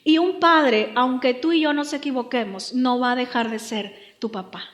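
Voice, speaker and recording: High-voiced woman pastor preaching. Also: moderate pace, echoey room. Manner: lively, humorous, acts out quotes. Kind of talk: sermon.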